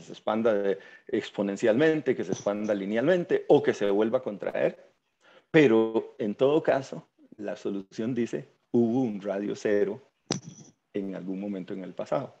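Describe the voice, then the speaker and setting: A man with a Costa Rican accent giving an informal science lecture, often tagging his sentences with "verdad?" and filling pauses with "este". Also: fairly low pitch, creaky, warm tone, muffled recording. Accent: Costa Rican Spanish. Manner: tags sentences with "verdad?", many "este" fillers. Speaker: guest lecturer.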